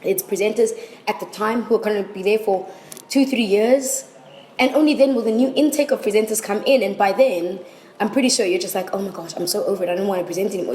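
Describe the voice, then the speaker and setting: A woman's voice: medium pitch, mellow. A South African woman giving articulate, explanatory answers in a conversational interview. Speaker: interview guest, presenting teacher. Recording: roomy echo with faint background noise.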